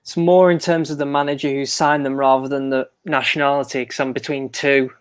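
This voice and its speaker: A man taking part in a quiz speaks in a smooth, clear voice. He stays level and measured as he thinks aloud. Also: medium pitch, level tone. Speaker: quiz contestant. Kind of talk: casual chat.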